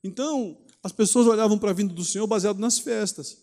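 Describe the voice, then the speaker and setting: A man with a high but mellow voice, preaching in an easy, conversational way and tossing out rhetorical questions. His words ring out through a church hall with a long echo, as if he stands before a congregation. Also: fairly quick. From Brazil. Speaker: pastor teaching a Bible study. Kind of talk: sermon teaching.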